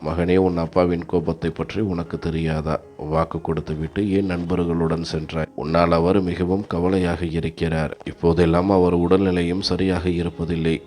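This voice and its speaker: Guy voicing a soft loving mom talking gently to her son, low deep voice. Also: flat delivery, moderate pace, soft background music, close to an everyday voice. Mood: tender. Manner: tender, pleading.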